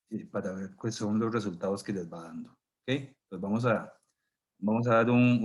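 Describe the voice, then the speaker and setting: Man, professor, low voice, sore throat, throat-clearing, slow careful explanation, video call. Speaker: university professor. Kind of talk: online class lecture.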